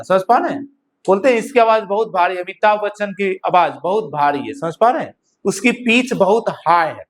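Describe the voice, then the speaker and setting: Man, Indian accent, high voice, physics teacher, classroom lecture, slow dictation. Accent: Indian Hindi-English mix. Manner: slow dictation of notes, checks understanding with repeated questions.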